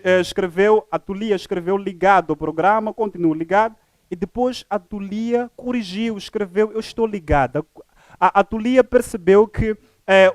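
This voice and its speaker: A man teaching a live grammar lesson, slow and deliberate, spelling words out syllable by syllable in a formal tone. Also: high-pitched, clean tone, no room sound, studio quality. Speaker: teacher presenting a live program.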